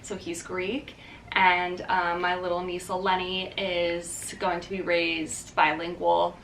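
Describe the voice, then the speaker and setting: This young woman's vlog is casual, chatty, and upbeat, sprinkled with "um" and "like." She speaks slowly in a lowish, somewhat bright voice with little pitch movement, sounding off-mic in an echoey room with slight background noise.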